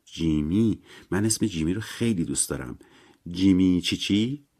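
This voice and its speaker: A man voicing a gentle, eager young woman visitor who talks softly and drawn-out in a story reading. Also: deep voice, expressive. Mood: coaxing.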